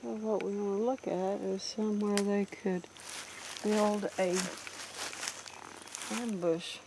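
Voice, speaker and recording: A woman's voice: mid-range voice, fairly even intonation, takes it slowly, vocal fry. A middle-aged woman with a Southern US accent chatting casually and playfully as she explores the woods for a vlog. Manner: playful, teasing. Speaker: outdoor vlog co-host. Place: outdoors in woods. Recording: noisy outdoor field recording.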